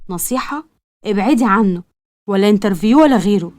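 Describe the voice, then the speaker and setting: A woman's voice: mid-range voice, lively intonation, a little fast, a little mellow, close to an everyday voice. A woman with an Egyptian accent voicing a skeptical young woman who warns her sister in a mocking tone. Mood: warning. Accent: Egyptian Arabic. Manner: warning, mocking.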